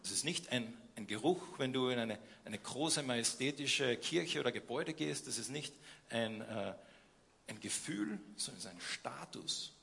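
A young man preaching a sermon, swinging between loud questions and quiet emphasis, with frequent hesitations. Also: mid-range voice, animated, normal speed, vocal fry, slight background noise.

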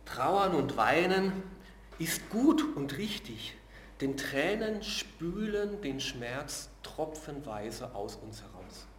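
Prediger in hallendem Saal. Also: male voice, a little high, sing-song, roomy sound, slight background noise. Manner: earnest, slows and drops to a hush on key words; uses filler sounds between phrases. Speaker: preacher. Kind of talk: sermon.

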